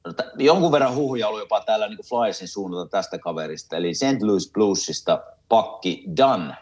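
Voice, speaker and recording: A man's voice: lowish voice, lively intonation, a little mellow. A man from Finland living in America, chatting casually about hockey and telling stories with laughter. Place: home in America.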